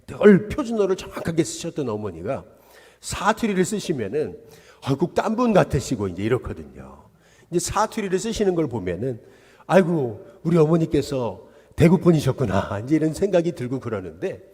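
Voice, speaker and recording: A man, the senior pastor, giving a dawn service sermon in a church sanctuary, telling the story in an animated way. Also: medium pitch, breathy edge. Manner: animated storytelling, acting out quoted voices. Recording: long reverb of a church hall.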